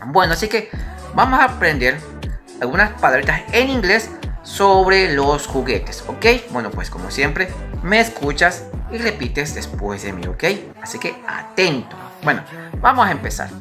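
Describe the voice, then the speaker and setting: Female teacher for young kids, low-pitched, very animated, faint music underneath. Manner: patient and chatty, asks questions and has the listener repeat words. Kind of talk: recorded online lesson for young children.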